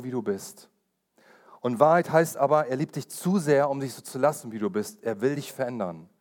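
A man giving an earnest sermon as pastor, repeating key phrases for emphasis and sharing personal testimony with urgency. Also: on the high side.

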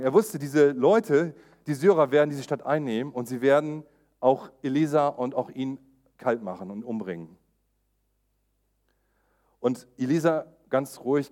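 A man preaching, retelling a Bible story in a lively way and acting out the quotes. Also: mid-range voice.

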